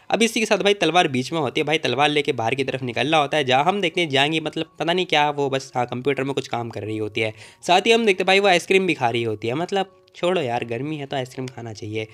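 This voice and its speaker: A man's voice: fairly high pitch, a bit bright. A man narrating a comic story recap in a casual, chatty way, with jokey asides to the audience.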